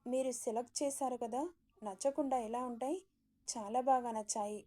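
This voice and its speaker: A woman's voice: a little high, fairly even intonation, normal speed, natural voice. A woman voicing a timid, anxious young bride who speaks meekly and hesitantly. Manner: meek, hesitant, soft-spoken.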